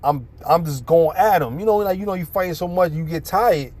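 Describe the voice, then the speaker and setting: A man with a New York City accent tells a story from his past in a loose, animated monologue. His voice sits a little higher than most men's, and he keeps it lively with street slang and blunt swearing. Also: fairly quick.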